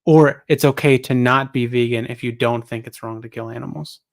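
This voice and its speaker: A man's voice: mid-range voice, fairly even intonation, brisk, creaky. A man talking casually in a debate on an online voice call. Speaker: participant on a live call-in show.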